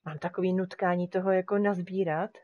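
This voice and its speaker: A woman's voice: fairly low pitch, fairly even intonation, highs cut off. Woman live streaming a game, chatty, talks to her horse and to chat. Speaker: streamer and graphic designer.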